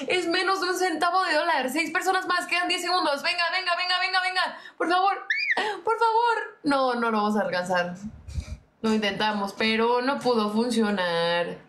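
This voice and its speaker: A woman's voice: sits high, normal speed, pushed and bright. A young Mexican woman streaming casually, venting to viewers and coaxing them for gifts. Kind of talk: casual livestream chat. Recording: echoey room.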